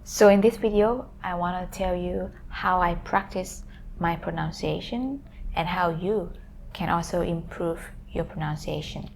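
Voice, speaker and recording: A woman explains pronunciation for language learners, walking through it step by step with small hesitations. Her voice sits fairly low and has a gravelly fry in it. A faint hum of room noise sits underneath. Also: a little slow, darkish tone. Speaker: language learning video host. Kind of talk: explaining pronunciation tips to camera.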